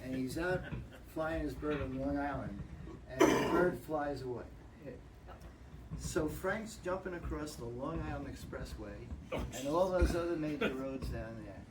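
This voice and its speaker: A man's voice: fairly high pitch, measured pace. An older man giving a laughing, anecdotal talk at a club gathering. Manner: lively, laughing storyteller. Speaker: club speaker. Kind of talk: anecdotal after-dinner talk. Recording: distant mic, loud background noise.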